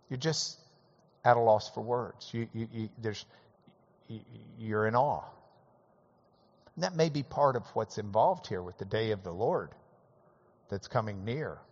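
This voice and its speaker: A man teaching a Bible class, animated and conversational with folksy asides. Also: mid-range voice. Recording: reverberant hall, dull lo-fi sound.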